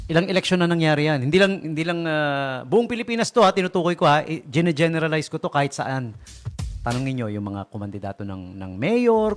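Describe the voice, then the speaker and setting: A man hosting a radio show in casual talk, joking, laughing often and firing rhetorical questions at his listeners from the station studio. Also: on the high side.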